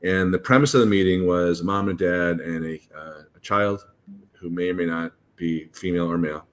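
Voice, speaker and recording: A man hosting a podcast on college admissions, explaining in a halting, informal way with many restarts. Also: low-pitched. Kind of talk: casual podcast talk.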